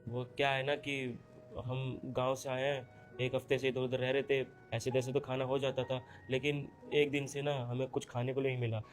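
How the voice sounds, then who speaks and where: A man's voice: medium pitch, little pitch movement, normal speed, soft background music, lightly acted. A man playing a humble, pleading village youth. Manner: humble, pleading, rustic speech. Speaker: runaway husband from a village. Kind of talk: scripted short drama.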